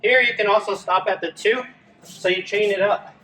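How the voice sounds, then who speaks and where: A man's voice: high voice, steady tone, normal speed. A man coaching a kickboxing workout, calling out strike combinations in short clipped commands as he exerts himself hitting a punching bag. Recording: distant mic, clearly noisy room. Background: noise, strikes on a heavy bag.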